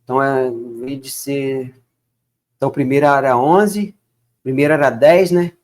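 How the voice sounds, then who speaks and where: A man reading Bible verses aloud and breaking off into relaxed, chatty commentary. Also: mid-range voice, normal speed. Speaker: bible reader.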